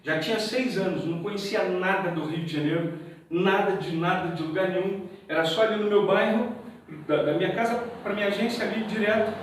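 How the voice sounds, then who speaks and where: A man with a Brazilian accent giving a testimony to a church congregation, telling his story in a lively way and acting out the dialogue. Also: high-pitched, brisk, a little hiss or hum. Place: church hall. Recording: very echoey hall, mic far off.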